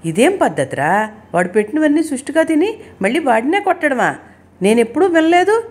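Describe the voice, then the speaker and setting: A woman's voice: medium pitch, very animated, normal speed, darkish tone. A woman voicing a worried middle-aged father who scolds his son's friends in a raised voice. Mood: angry.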